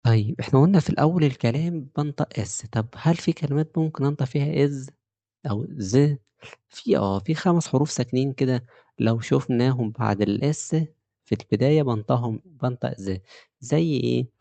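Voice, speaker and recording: A man with an Egyptian Arabic accent teaching Italian pronunciation, explaining rules step by step and repeating example words slowly. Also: mid-range voice, vocal fry, mellow, dry recording. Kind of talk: pronunciation lesson.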